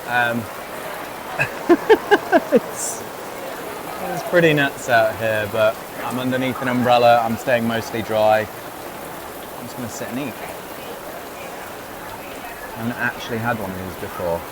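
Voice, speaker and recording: A man's voice: medium pitch, slow pace, pauses often, background noise. A man chatting casually to camera as he vlogs outdoors in a theme park, upbeat and self-mocking. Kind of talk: casual vlog chat.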